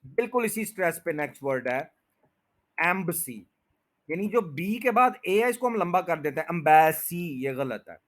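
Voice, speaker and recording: A man's voice: sits high, big pitch swings, fairly quick, fairly bright tone. A man teaching English pronunciation, patiently repeating each word and stretching its syllables. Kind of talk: pronunciation lesson explained in Urdu/Hindi.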